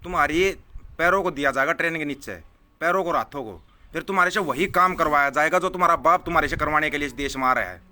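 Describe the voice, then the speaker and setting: Heated man ranting forcefully. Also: fairly high pitch, quick pace. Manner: scornful, heated, repeats phrases for emphasis. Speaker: political vlogger answering viewer comments. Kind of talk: angry live political rant.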